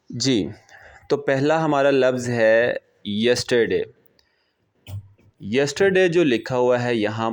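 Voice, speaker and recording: A man teaching a beginner language lesson, explaining patiently and slowly repeating example words. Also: mid-range voice.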